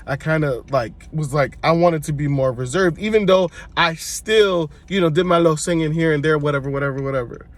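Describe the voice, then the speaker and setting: A man's voice: a little high, fairly quick, few pauses. A man from Brooklyn, a church worship singer telling personal stories in a chatty way. He is congested, often corrects himself and speaks straight to his viewers. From Brooklyn, New York. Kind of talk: casual personal storytelling to camera.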